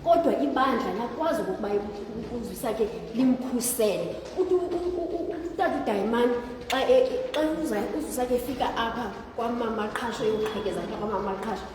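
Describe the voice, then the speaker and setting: A woman's voice: a little high, crowd noise. Distant Xhosa woman testifying in echoing hall. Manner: halting, repeating word beginnings, mixing in English words. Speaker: congregation member giving testimony. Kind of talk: spontaneous church testimony. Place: church hall. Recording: distant, very echoey noisy hall.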